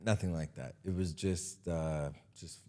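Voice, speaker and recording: Low-voiced man, easygoing talk. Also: unhurried. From Los Angeles, United States. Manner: relaxed, repeats phrases, frequent fillers. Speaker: guest, company CEO. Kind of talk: conversational interview.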